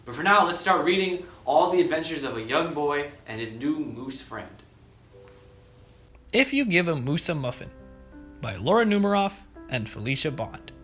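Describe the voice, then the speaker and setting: A higher-pitched male preschool story-time host reads a children's storybook aloud and gives simple explanations. He is expressive, talking simply to young children at a moderate pace, with background music playing.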